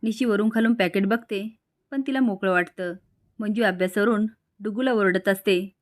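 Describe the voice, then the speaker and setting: Woman narrating a serial recap, quick storytelling, mid pitch. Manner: brisk storytelling, reading every character herself.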